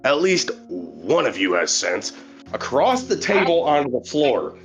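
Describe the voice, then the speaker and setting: A man's voice: medium pitch, wildly swooping pitch, unhurried, a bit bright. A man chatting casually as a player in a tabletop role-playing game, describing his character's moves. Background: instrumental music.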